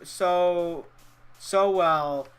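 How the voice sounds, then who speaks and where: A young man in casual voice chat, teasing a friend and swearing often in deadpan mock arguments. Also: high voice, extremely slow, smooth.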